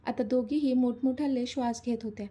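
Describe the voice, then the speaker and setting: Woman storyteller, high voice, very mellow, husky, gentle narration. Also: steady tone, brisk.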